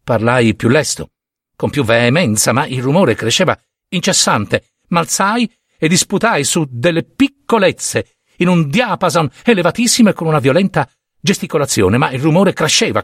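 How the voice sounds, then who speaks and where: A man reads a story aloud with a strongly theatrical, intense delivery. His somewhat high voice rises and falls over a wide range. The sound is dry and close, with no room echo. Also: fairly bright tone, husky. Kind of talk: dramatic literary reading.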